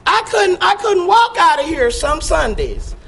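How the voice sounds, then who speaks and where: Speaking at a measured pace into a handheld or stage microphone, a church member shares an unplanned personal testimony. She has a high, gravelly voice with gap-toothed speech from a missing front tooth, and she tells her story with folksy, emphatic animation.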